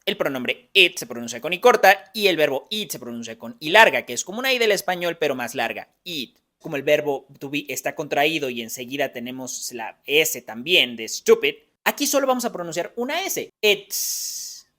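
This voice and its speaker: A man's voice: fairly high pitch, very animated, normal speed, few pauses, bright, forceful tone. A man teaching English pronunciation in a phonetics lesson, patiently explaining each sound step by step.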